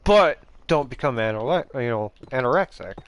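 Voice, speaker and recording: Male gamer host, mid-pitched, rambling, dryly sarcastic, casual voice-chat banter. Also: lively intonation, normal speed, no room sound. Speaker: gaming channel host. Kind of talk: casual chat while gaming.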